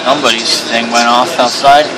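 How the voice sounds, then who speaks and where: A man's voice: medium pitch, steady tone, normal speed. Man gaming host over noticeable background noise. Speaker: host of game playthrough videos. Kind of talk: casual gaming commentary. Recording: clearly noisy, with urban ambience.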